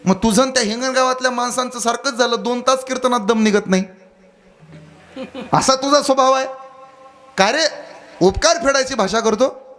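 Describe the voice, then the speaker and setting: A man's voice: very high voice, moderate pace, long pauses, fairly bright tone. A man preaching a devotional kirtan sermon, earnest and exhorting, telling folksy stories to the crowd.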